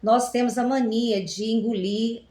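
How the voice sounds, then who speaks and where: Animated teacher in an echoey room. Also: female voice, a little high, measured pace. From Goiás, Brazil. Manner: animated, teacherly, asks rhetorical questions, playful examples. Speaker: Portuguese teacher, guest. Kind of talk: casual explanatory chat.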